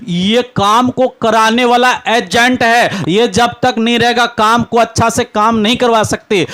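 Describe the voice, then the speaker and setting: High-voiced man teaching chemistry. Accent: Bihari Hindi. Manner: keeps asking questions and answering them himself, calls students "beta"; grows louder and excited, cheering students on. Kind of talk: classroom lecture, call-and-response.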